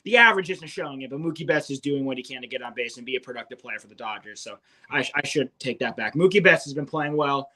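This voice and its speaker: A man's voice: mid-range voice, animated, quick pace, bright, forceful tone. A young man co-hosting a fantasy baseball podcast, rattling off stats with enthusiasm. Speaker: co-host.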